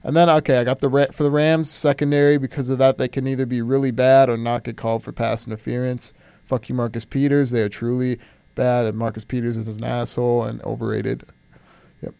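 Casting: young male co-host, gravelly, sick and hoarse, rowdy profane banter, dry close mic. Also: medium pitch, a little fast, no echo. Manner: loud, profane, excitable. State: sick, coughing. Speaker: sports radio co-host. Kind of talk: casual sports banter.

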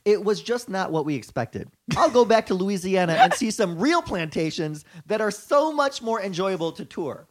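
A man's voice: high voice, big pitch swings, normal speed, few pauses, no room sound. Brief: man playing an aggrieved lady tourist, huffy and entitled, reading her review, dry close mic. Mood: indignant. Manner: mock-indignant reading aloud.

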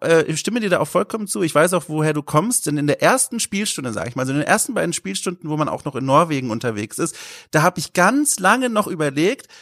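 A man in a casual podcast chat with a slightly higher voice than most men. He talks in a thoughtful, earnest and articulate way, and the recording is dry and close, with no room sound. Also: a bit bright, no room sound.

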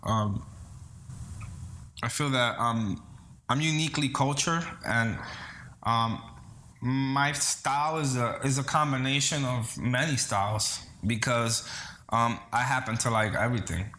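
The man's medium-pitched voice sounds bright and forceful, delivered a little slowly. As an interview guest, this Bronx singer-songwriter with early Dominican Republic roots talks in a casual, earnest way, hesitant and prone to repetition.

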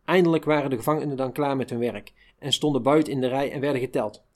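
A man reading a first-person wartime memoir aloud in a measured, unhurried way. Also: medium pitch, a little mellow. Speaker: reader of a memoir.

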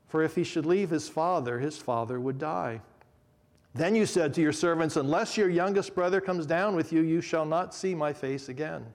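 A man reading scripture aloud as Judah, a grown man pleading humbly before a lord, in a slow, earnest dramatic reading. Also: on the high side, big-room sound, close to an everyday voice.

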